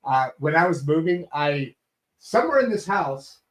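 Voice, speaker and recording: This talk show host speaks in a slightly raised, sing-song voice at normal speed, rambling loosely and chattily. He restarts sentences frequently, uses plenty of fillers, and keeps circling back before reaching his point. The sound is casual, from a video call setup in his home studio.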